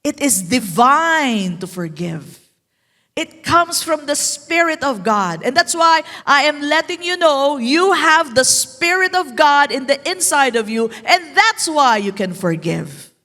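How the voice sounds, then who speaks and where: A woman pastor with a Filipino accent preaching, mixing English and Tagalog with playful asides and slow, drawn-out emphasis. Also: sits high, very animated, sharp tone. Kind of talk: sermon. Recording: echoey hall.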